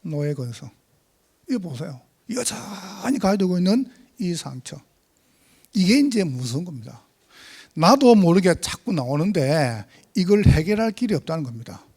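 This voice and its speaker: Animated high-voiced male preacher. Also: normal speed, breathy edge. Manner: emphatic, swings from loud to near-whisper. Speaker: pastor. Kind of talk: sermon.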